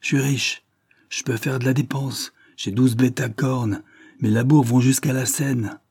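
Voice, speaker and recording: A man reading aloud voices a blunt, lovesick peasant farmer who rolls his R and blurts his words out in rushes. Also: medium pitch, fairly even intonation, darkish tone, slightly rough, no room sound, studio quality, pitched above the performer's own voice. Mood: agitated.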